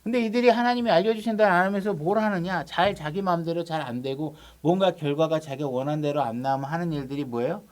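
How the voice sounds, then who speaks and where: A man's voice: on the high side, vocal fry. A male pastor preaching a sermon. He is emphatic, repeats his questions, and acts out people's prayers and God's replies in a casual voice.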